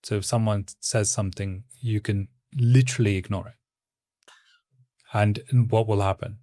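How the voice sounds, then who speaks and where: A man speaking as a guest in a casual interview, with a stoic, calm, monotone delivery. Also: fairly low pitch, dry recording, clean studio sound. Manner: stoic, measured. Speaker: guest, content creator.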